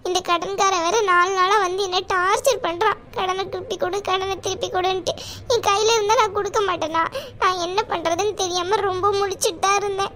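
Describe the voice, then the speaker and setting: A woman's voice: extremely high pitch, steady tone, brisk, pushed and bright. A woman voicing a timid young married woman in a cartoon, tearful, pleading and apologetic. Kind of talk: cartoon voice acting.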